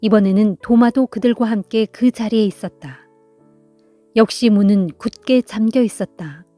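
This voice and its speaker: A woman calmly reading Bible passages aloud in an even, unhurried narration. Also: mid-range voice, no echo. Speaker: Bible reader. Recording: soft music underneath.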